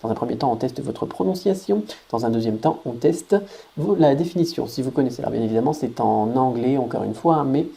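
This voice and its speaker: A man's voice: mid-range voice, a little fast, vocal fry, mellow. A man giving a casual, chatty screen-recorded tutorial, thinking aloud with many fillers and joking about himself. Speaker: online Chinese teacher.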